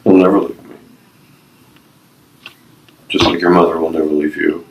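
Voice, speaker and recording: A low-pitched, gravelly voice with a level tone and moderate pace belongs to a retired Navy veteran in his fifties, heard over background noise. Being interviewed, he earnestly shares personal stories and life advice in short, emphatic, repeated phrases.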